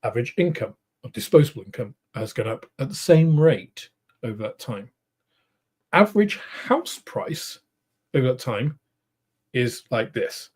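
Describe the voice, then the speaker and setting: Husky middle-aged British man, musing. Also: medium pitch, very animated, measured pace, darkish tone. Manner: rambling, thoughtful, full of ums and restarts. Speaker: host of a model-making livestream. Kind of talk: casual livestream chat answering viewers. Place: home studio room.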